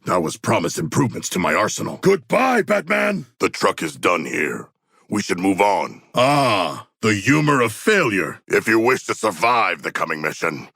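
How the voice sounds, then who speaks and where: A man voicing a hulking humanoid shark warrior for a video game, gravelly, with formal, grandiose, earnest delivery. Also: lowish voice, bright, forceful tone, no room sound, clean studio sound, heavily acted. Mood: fierce battle cries. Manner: formal, grandiose, stilted phrasing. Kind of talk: video game character dialogue.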